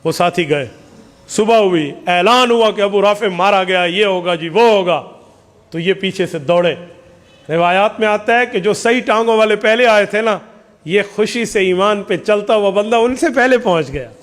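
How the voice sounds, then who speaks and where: A man's voice: sits high, a bit bright, in a large hall. A man preacher telling a story dramatically in an Islamic sermon.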